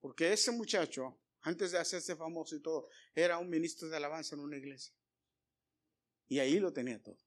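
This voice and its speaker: Male pastor, fairly high voice, emphatic sermon, loud calls and hushed asides, questions to the congregation. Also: fairly quick. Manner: addresses congregation directly with rhetorical questions.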